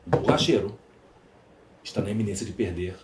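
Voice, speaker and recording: A Brazilian man is a guest on a podcast, talking in a conversational interview monologue with a lowish voice at a brisk pace. He is emphatic and rhetorical, building his points through lists and questions. The room is echoey, with faint background noise.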